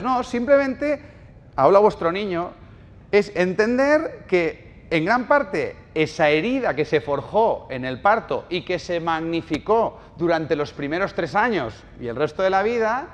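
A man's voice: high-pitched, in a large hall. A man giving a live talk, telling stories with irony and asking the audience questions. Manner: storytelling, ironic, asks the audience questions. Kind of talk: live lecture. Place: bookshop event space with audience.

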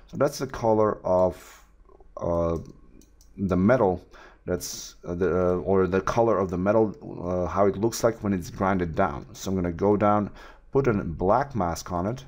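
A man teaching a 3D texturing tutorial over a screen recording, talking in a relaxed way with many fillers and restarts. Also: deep voice, a little slow. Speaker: 3D art tutor.

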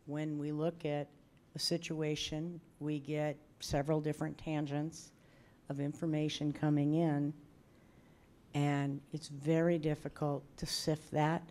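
A woman in her sixties speaks into a table microphone at a public meeting. Her delivery is measured and firm, low in inflection and mellow in tone. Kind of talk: measured formal remarks. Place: school board meeting room.

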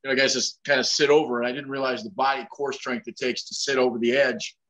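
A show host in his sixties runs a casual webcam interview, asking long, rambling, chatty questions. His mid-range voice is fast, flat in delivery and fairly bright, and the recording sounds dull and lo-fi.

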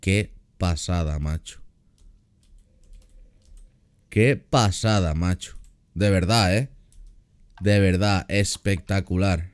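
A man giving casual, excitable commentary while playing a zoo game, often repeating words in quick bursts. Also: sits low, smooth, dry recording. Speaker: gaming YouTuber reacting to a zoo build.

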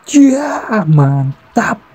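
A young adult giving excited gameplay commentary, trash-talking and shouting fight noises. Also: medium pitch, drawn-out words, husky.

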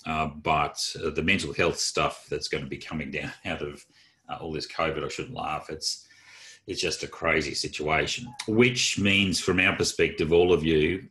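A very deep man talks in a flat, even tone, yet his voice stays bright and forceful. He rambles openly to fellow professionals, full of ums and restarts. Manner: open, chatty, many fillers and restarts. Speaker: presenter of a training session for advisers. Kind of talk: casual, rambling talk to colleagues.

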